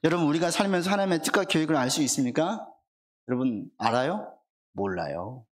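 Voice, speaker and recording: A male pastor delivering a Sunday sermon in a church, his somewhat high voice rising and falling in wide, animated swings. He keeps putting questions to the congregation and answering them himself, and he slows down to read scripture aloud. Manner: reads scripture aloud slowly. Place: church sanctuary.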